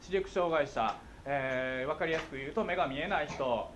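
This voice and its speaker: Against a noisy background, a middle-aged man with a Kansai Japanese accent talks at normal speed in a slightly high voice. He is a guest speaker on visual impairment giving schoolchildren a playful, jokey talk while often confirming they follow.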